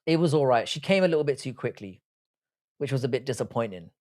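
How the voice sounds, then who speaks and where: Speaking quickly and with animation, this early-forties British man runs a live chat in a middling pitch with a slightly dark tone. He's blunt and casual, replying to comments as they arrive, and his jokes lean crude and slangy.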